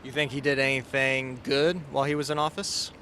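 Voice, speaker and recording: A man's voice: medium pitch, flat delivery, a little fast. A man conducting street interviews outdoors, asking direct, probing questions. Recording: street noise behind.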